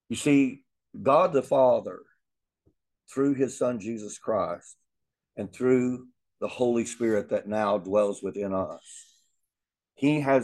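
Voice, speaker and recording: A man's voice: fairly low pitch, a little mellow. A man teaching a Bible lesson in an earnest way, often repeating words as he thinks aloud.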